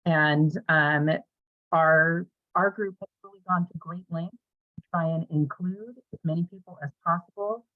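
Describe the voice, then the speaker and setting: A woman's voice: lowish voice, a little slow, dry recording. A woman volunteer making an earnest appeal at an online membership meeting, her audio cutting in and out with uneven volume over a computer microphone. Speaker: parent group fundraising volunteer. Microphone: computer microphone on a video call. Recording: dull, dry lo-fi computer audio.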